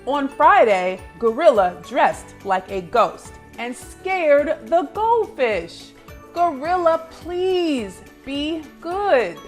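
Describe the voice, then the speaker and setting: A female teacher with a medium-pitched voice gives a read-aloud lesson for young children. She combines clear instructional delivery with expressive storybook narration.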